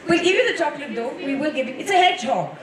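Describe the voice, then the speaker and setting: A woman with a high voice hosts a school event, speaking politely and formally to the audience. Her voice echoes around the room and sounds picked up from a distance. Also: sing-song, fast talker, a faint crowd, a little hiss or hum. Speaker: event host quizzing schoolchildren. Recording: roomy hall sound, distant microphone.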